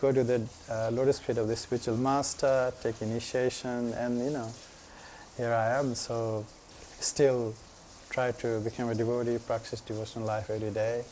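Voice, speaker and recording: A man shares his daily practice as a casual testimony. His voice is mellow and warm, sits at an ordinary middle pitch, and keeps stopping for 'you know' and small restarts. A faint hum of noise runs behind him. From Nepal. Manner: relaxed and halting, full of 'you know' fillers. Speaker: devotee sharing his practice at a gathering.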